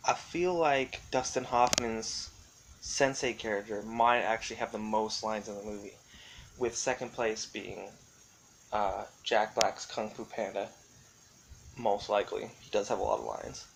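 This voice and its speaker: A vlogger offers casual, rambling solo commentary, thinking aloud and tentatively qualifying much of what he says. His lowish voice holds a steady tone and moves a little slowly, with clearly audible background noise.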